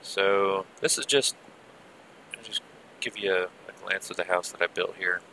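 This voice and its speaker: A man giving casual, rambling live gameplay commentary with muttered asides, heard through low-quality stream audio from an old headset. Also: normal speed, pushed and bright, slight background noise. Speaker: game server streamer.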